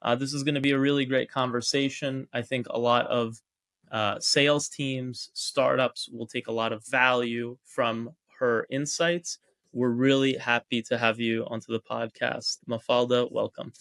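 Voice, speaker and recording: A man's voice: mid-range voice, flat delivery, moderate pace, gravelly, fairly bright tone, no room sound. Easygoing male podcast host, dry sound. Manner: easygoing, with frequent "uh" and "like". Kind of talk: conversational interview.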